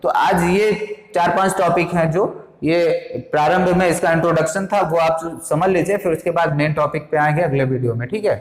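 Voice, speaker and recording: A man teaching a lesson in a high voice, explaining patiently one step at a time. He keeps stopping to ask whether his students have understood. The sound is echoey, as if captured in a bare room with a long ring. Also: normal speed. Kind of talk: classroom physics lesson.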